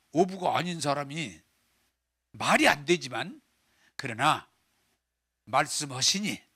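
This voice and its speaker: A man's voice: a little high, sharp tone, slightly rough, dry recording, studio quality. A middle-aged male pastor preaching a sermon, telling the story with animation, acting out the dialogue and putting questions to the congregation. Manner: asks the congregation questions and leads them in repeating.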